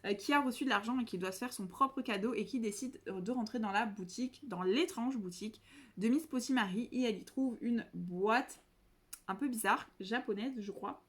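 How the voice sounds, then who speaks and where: A chatty young woman talks through her reading plans in a casual vlog. Her voice sits a little high, and she keeps stumbling, restarting and poking fun at herself as she goes. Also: normal speed. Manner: chatty, self-mocking, many fillers and restarts. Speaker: book vlogger. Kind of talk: casual chat.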